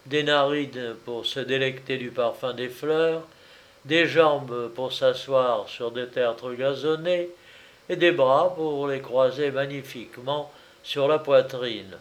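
A man reading a literary story aloud as an audiobook narrator, with a measured and wry storytelling delivery. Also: mid-range voice.

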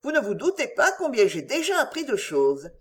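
A woman's voice: a little high, moderate pace. A woman doing earnest young Clara. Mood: enthusiastic. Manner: calm, earnest, matter-of-fact. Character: earnest, self-assured eldest daughter, young woman.

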